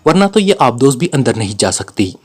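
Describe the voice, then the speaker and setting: A man's voice: medium pitch, very animated, a little fast, darkish tone. A man voicing a frightened, timid captive who stammers, in a storybook reading. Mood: nervous.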